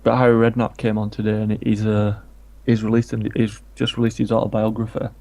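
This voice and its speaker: A man's voice: fairly low pitch, flat delivery, a little fast, mellow. A man from England chatting casually about football while streaming a game, rambling from point to point. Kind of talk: casual chat while gaming.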